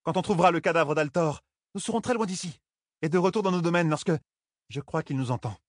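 A man's voice: high voice, fast talker, no room sound, clean studio sound, voice pushed up, natural voice. A man voicing a haughty noblewoman who coldly schemes to escape in an audiobook. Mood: scheming. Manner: cold, scheming. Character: haughty noblewomen plotting to flee.

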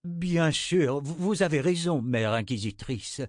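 A man's voice: a little high, animated, unhurried, darkish tone, no room sound, studio quality, pitched above the performer's own voice. A man voicing a timid, pot-bellied chancellor who speaks hesitantly in a raised, flustered voice.

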